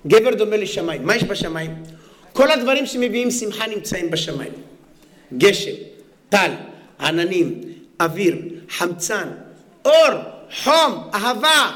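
A man gives a humorous sermon, spinning a joke story with animated delivery and frequent laughter. His voice is high and bright. He shifts easily between teaching and storytelling. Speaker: preacher.

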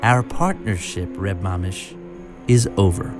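A man voicing a humble, gentle bagel maker in a children's story, speaking softly and hesitantly with Yiddish touches. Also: sits low, a little slow, over music. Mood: apologetic. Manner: soft, hesitant, Yiddish-flavored.

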